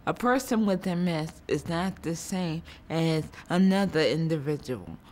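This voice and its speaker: A woman in her thirties with MS, speaking in a measured, earnest way in an interview. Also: low-pitched, lively intonation, a little mellow. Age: 30s. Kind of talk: interview answers.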